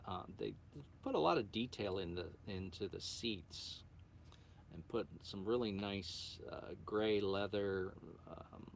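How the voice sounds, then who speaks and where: In a lowish, gravelly voice with a bit of brightness, a man who vlogs about truck driving talks casually to his viewers. His speech meanders, hesitant and full of restarts, over slight background noise.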